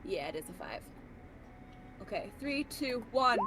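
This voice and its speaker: A woman's voice: a little high, expressive, unhurried, noisy background. A woman player in a casual tabletop game, improvising in and out of character.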